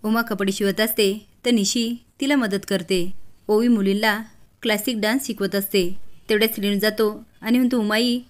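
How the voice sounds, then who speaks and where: A woman narrating a family drama story in a steady storytelling manner. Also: mid-range voice, moderate pace.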